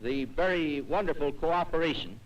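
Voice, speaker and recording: Halting man giving a speech, distant microphone. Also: a little high, dull audio. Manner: halting, measured, with frequent hesitations. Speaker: military officer giving a speech. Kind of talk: formal ceremonial public speech. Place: public airfield handover ceremony. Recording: distant, noisy 1940s newsreel location sound.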